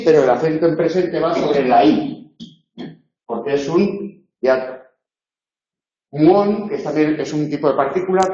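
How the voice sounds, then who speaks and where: A man from teaching a university tutorial, going through spelling examples slowly and checking in with "¿eh?". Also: a little high, mellow. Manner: slow, deliberate spelling drills with questioning "¿eh?". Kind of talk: recorded tutorial lecture. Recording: roomy, dull lecture recording.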